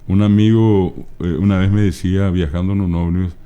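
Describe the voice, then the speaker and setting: Here is a middle-aged man from Paraguay, speaking with a Paraguayan Spanish accent and a very low voice. His tone is dark and mellow, and he talks like a teacher, breaking words apart slowly and patiently. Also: steady tone, smooth, dull audio. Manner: patient, teacherly, spells out word forms slowly. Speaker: guest, Guaraní language scholar. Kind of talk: explanatory interview talk.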